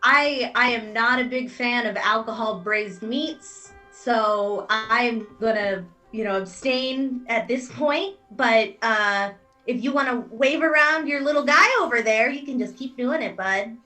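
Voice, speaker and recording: A woman's voice: a little high, a little slow, pushed and bright, recorded from a distance, faint music behind. A woman voicing a small, sardonic halfling prisoner in a tabletop game, with dry, teasing talk.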